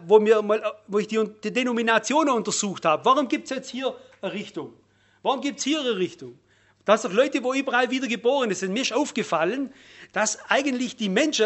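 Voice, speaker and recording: A man preaching a sermon on scripture, earnest and emphatic, dropping to a low murmur and then stressing words loudly.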